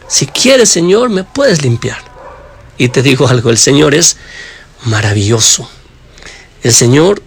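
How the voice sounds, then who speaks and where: A man preaching a sermon with passion, addressing his listeners directly and swinging between raised high emphasis and low hushed phrases. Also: vocal fry, breathy edge.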